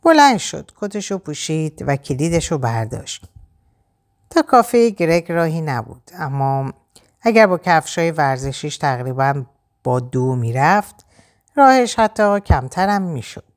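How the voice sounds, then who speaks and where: Woman reading a novel aloud, low voice but really expressive, casual spoken style. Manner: reads in colloquial spoken register. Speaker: audiobook narrator. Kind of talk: audiobook narration.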